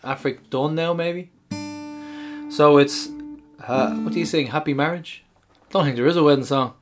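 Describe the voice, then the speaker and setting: A man's voice: a little high, moderate pace, over music. A man with an Irish accent chatting casually as a podcast host, informal and full of banter. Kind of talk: casual chat.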